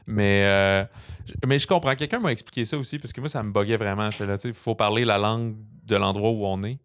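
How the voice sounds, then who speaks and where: A man with a Quebec French accent, co-hosting a casual film review chat and telling his thoughts in animated, digressive stretches. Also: fairly low pitch, quick pace, slight background noise.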